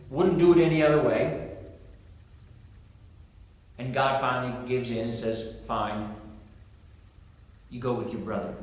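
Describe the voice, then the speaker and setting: A male pastor preaching a sermon, retelling scripture with earnest, animated storytelling and rhetorical questions. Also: fairly high pitch. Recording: echoey hall.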